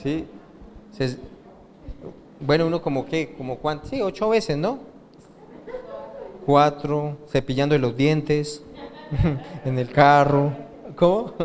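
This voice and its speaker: A man with a Colombian Spanish accent, preaching a lively sermon that keeps asking the congregation questions. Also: on the high side, slow pace, pauses often. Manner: asks the congregation questions and waits for answers. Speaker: pastor. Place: church hall. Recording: reverberant church hall with faint noise.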